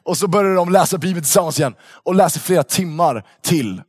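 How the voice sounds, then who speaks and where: Young male youth speaker with a lightly raised voice, lively and slangy storytelling, dry recording. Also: a little high, breathy edge, no echo. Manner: animated storyteller, slangy with lots of fillers. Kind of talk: casual storytelling talk to young people.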